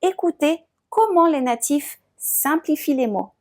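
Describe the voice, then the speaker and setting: A woman narrating a scripted language lesson as a pronunciation teacher, speaking clearly and deliberately and slowing down to model words. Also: high voice, expressive.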